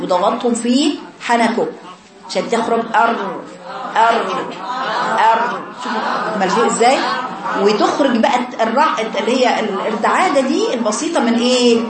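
A woman with an Egyptian accent teaching Quran recitation to a class of women, explaining step by step and asking her students questions. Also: a little high. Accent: Egyptian Arabic. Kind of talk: informal classroom lesson. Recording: distant voice in an echoey room with a crowd. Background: audience of women students.

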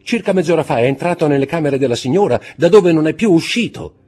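A man reading an audiobook who voices an anxious, respectful male servant giving a hurried report. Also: fairly high pitch, lively intonation, warm tone, slightly rough, faint music behind, pitched above the performer's own voice. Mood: alarmed.

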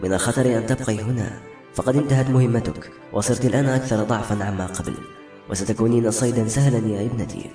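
Man doing a kind old grandmother, soft calm motherly voice, slightly raised pitch, roomy echo, faint music behind. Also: fast, lightly acted. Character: old kindly woman living in a forest hut.

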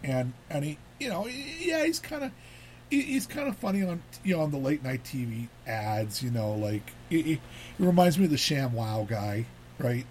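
A man's voice: fairly high pitch, very animated, moderate pace, darkish tone, slight background noise. A man hosting a casual talk show, rambling and repeating words as he talks. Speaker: host.

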